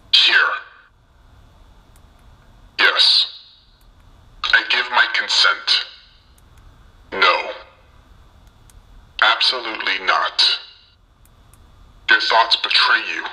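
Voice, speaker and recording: A man's voice: lowish voice, pushed and bright, exaggerated voice. An actor playing a cold, commanding masked male villain, heard through a mask voice changer played back from a soundboard. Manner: clipped, menacing canned phrases.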